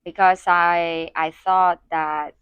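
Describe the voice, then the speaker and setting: A woman's voice: lowish voice, little pitch movement, slow, smooth, dry recording, muffled recording. A woman from Spain, a guest in an interview, talking about her work with many fillers and restarts. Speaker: guest, community organizer. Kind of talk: conversational interview.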